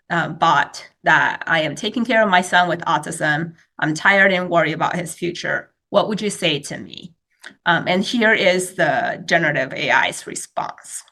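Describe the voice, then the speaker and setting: Over a video call, a woman whose first language is Chinese explains research in a webinar presentation, full of fillers and restarts. Her voice is fairly low in pitch, bright, and forceful.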